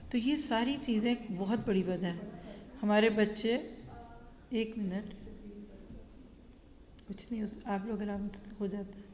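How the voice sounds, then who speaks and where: A woman's voice: a little high, warm tone. Brief: a woman religious teacher lecturing earnestly, with a long hall echo and a dull, muffled sound. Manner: earnest, storytelling, addresses listeners directly. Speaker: Islamic teacher.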